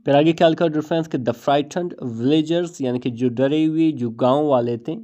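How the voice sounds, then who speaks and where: A man's voice: on the high side, mellow. Man translating a story line by line. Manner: explains each English phrase, repeats himself, asks and answers his own questions. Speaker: English teacher.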